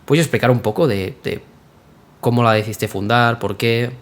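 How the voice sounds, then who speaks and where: A man's voice: mid-range voice, moderate pace. A man co-hosting a podcast, with a mid-range voice. He asks his questions casually and a little tentatively. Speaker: podcast co-host. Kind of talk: interview questions.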